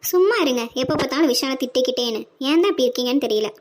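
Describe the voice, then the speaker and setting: A woman voicing a gentle young wife in a Tamil cartoon, talking softly and pleading. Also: high-pitched, lively intonation, rapid-fire. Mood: cheerful. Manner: soft and pleading.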